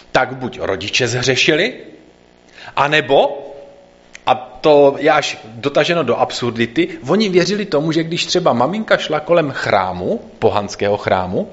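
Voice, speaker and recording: A man's voice: a little high, sing-song. A man reading a scripture passage aloud and then explaining it in a conversational sermon, in a slightly dull recording. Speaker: preacher.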